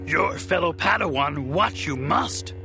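A man reading an audiobook voices an ancient, small, wise alien master who speaks with inverted word order in a croaky voice. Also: fairly high pitch, animated, a little slow, pushed and bright, faint music behind, voice pushed up, exaggerated voice. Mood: grave.

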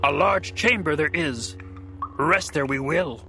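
A man's voice: a little high, takes it slowly, sharp tone, faint music behind, pitched above the performer's own voice, heavily acted. Yoda, a man doing the ancient wise master. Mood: grave. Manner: inverted word order, croaky.

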